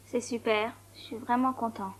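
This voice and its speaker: A woman's voice: fairly high pitch, level tone, normal speed, slight background noise, close to an everyday voice. A woman dubbing an eager, lonely young patient. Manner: eager, confiding. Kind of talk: French film dub.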